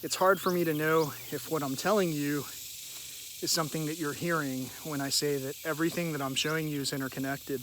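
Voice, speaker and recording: A man vlogging outdoors in a halting, meandering, reflective way, often clearing his throat. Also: a little high, a bit bright. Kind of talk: rambling, reflective spoken vlog. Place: outdoors in a park by a river. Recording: hissy outdoor recording with insect noise. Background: cicadas, birds, hiss and nearby traffic.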